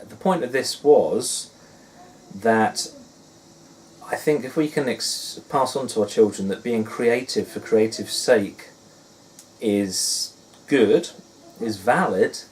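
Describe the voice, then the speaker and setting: A Suffolk-accented man in his forties, a dad blogger and vlogger, talks casually in a rambling, musing and self-deprecating way, like a personal vlog. He has a medium-pitched voice with a darkish tone, captured by a distant mic alongside faint background noise.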